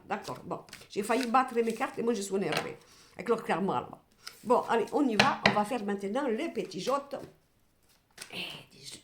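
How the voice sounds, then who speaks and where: A woman working as a clairvoyant, reading cards for her viewers in an animated, expressive way with exasperated comic asides. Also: on the high side, slight background noise. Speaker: clairvoyant card reader. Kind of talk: card reading addressed to viewers. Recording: roomy echo.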